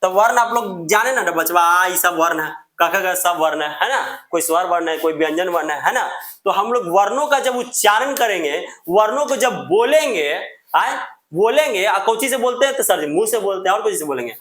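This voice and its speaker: A man's voice: sits high, normal speed, a bit bright, echoey room. A man teaching a grammar lesson. He repeats and drills each term and answers his own questions in a student's voice.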